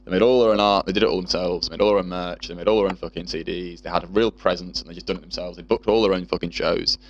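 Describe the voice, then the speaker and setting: A man's voice: low-pitched, steady tone, very fast, muffled recording. A man in casual chat, rambling and swearing freely with lots of fillers. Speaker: guest musician.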